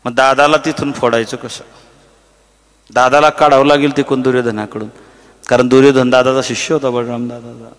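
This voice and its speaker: In a big-sounding room, a man delivers a devotional kirtan as spoken preaching, animatedly telling a story. He acts out the characters' voices and bursts into sung verses now and then, with a medium-pitched voice and a brisk pace.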